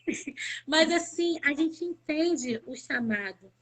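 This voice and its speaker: A woman from Brazil, appearing as a live-stream guest, gives an emotional personal faith testimony. Her high-pitched voice is expressive, fairly bright and slow, and she talks fervently, repeating words for emphasis.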